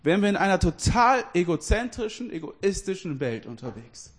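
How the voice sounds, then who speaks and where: A man with a high voice preaches in a loose, conversational way. He talks directly to the people listening, corrects himself often and laughs through his points. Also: very animated, normal speed. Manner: restarts and self-corrections. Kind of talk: casual sermon.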